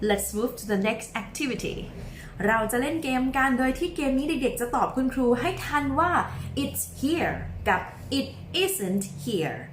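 A woman teaching young children, modelling words slowly for them to repeat and coaxing them along in a sing-song way. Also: fairly high pitch, big pitch swings, reverberant, a little hiss or hum. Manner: slow, drawn-out modelling of words for repetition. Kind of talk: bilingual children's lesson.

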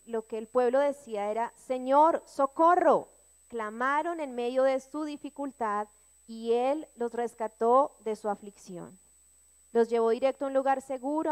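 A woman's voice: a little high, clear, resonant tone. A woman sharing with her church prayer group, reading scripture aloud and speaking with earnest emphasis. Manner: earnest, rising to emphatic cries when reading.

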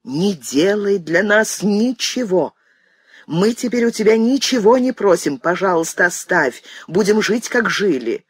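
In an audiobook, a woman reader drops her voice to play a weary, anguished grown son who pleads with restraint before turning bitterly accusing. Her husky voice has lively pitch, delivered a little slowly on a close, dry recording.

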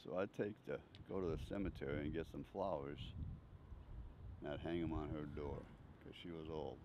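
A man's voice: a bass voice, steady tone, fairly quick. An older man telling rambling, chuckling stories from his life, interviewed outdoors on a handheld mic. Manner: chuckling, rambling anecdotes with frequent laughs. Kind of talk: casual life-story storytelling. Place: outdoors on a bench. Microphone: handheld furry-windscreen mic held near chest. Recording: slightly dull sound, faint outdoor noise.

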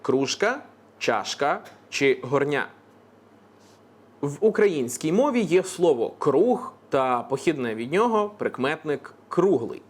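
A man presenting a scripted language explainer, brisk and with playful asides. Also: on the high side, very animated. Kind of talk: scripted educational narration.

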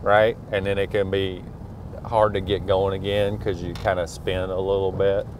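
A middle-aged school superintendent with a deep voice speaks at a moderate pace with little pitch movement. He is driving his truck at night, chatting casually and thinking aloud with lots of fillers, as faint car engine and road noise play in the background.

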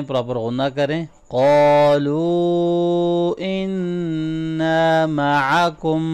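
A man's voice: medium pitch, a little mellow, smooth. Man teaching Quran recitation. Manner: explains rules quickly, then recites words slowly and drawn out. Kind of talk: tajweed lesson, quick explanations between slow recitation.

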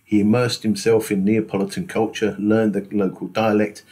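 A man narrating his travel vlog in a scripted voice-over, measured and unhurried. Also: lowish voice, level tone, mellow. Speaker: travel vlogger.

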